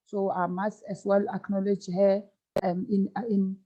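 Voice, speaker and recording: A woman giving a formal presentation over a video call, her voice slightly hoarse, polite and measured. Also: medium pitch, flat delivery, dark tone, highs cut off. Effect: speaking over a video call. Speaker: guest speaker.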